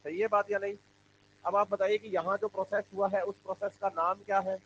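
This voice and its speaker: A high-voiced man lectures a biology class, firing questions at the students and repeating the answers back to them. The recording sounds a little dull, with a faint hum underneath. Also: level tone, a little fast, a bit bright. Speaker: biology teacher. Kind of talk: classroom lecture with call-and-response.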